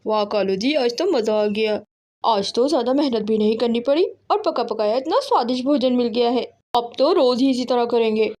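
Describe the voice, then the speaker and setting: Cartoon crow wife, female, sarcastic schemer, high voice , played by a woman narrator. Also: moderate pace, darkish tone, natural voice. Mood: delighted. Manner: teasing, sarcastic.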